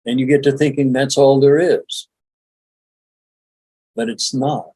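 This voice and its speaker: An older man, a meditation teacher, giving a relaxed, folksy spoken lesson with frequent chuckles. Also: medium pitch, measured pace, slightly rough, no room sound, rough recording. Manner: chuckling, folksy, demonstrates laughing exercises.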